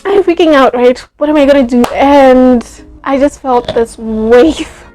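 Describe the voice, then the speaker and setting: Chatty high-voiced woman vlogger. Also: unhurried, faint music behind. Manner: animated, chatty, full of "like" and "yo". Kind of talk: casual testimony storytelling.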